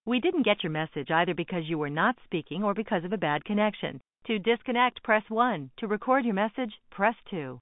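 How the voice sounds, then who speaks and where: A woman's automated voicemail prompt voice, reading even, instructional menu options over a landline phone. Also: medium pitch, brisk, hardly any pauses, no echo. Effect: heard over a landline phone. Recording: dry tinny landline phone line.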